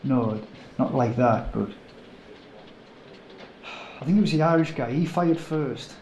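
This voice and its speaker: An actor playing a witness who recounts a kidnapping in a hesitant, casual way. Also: male voice, medium pitch, expressive, measured pace, a little mellow, reverberant, slight background noise, low-quality recording. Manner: hesitant, casual, filler-heavy.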